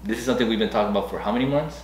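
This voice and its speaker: A man co-hosting a casual food chat, relaxed and talkative, at times saying a long heartfelt grace. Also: lowish voice, very fast. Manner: relaxed, chatty, says grace at length. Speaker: co-host. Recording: echoey room, faint hum.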